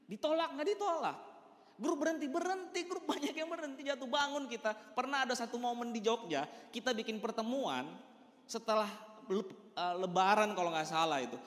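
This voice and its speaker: A man's voice: high-pitched, fairly bright tone. A man giving an emphatic motivational talk to a live audience, speaking straight to them. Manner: emphatic, addresses the audience directly, mixes in English words. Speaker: motivational speaker at a business meeting. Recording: echoey hall with long reverb.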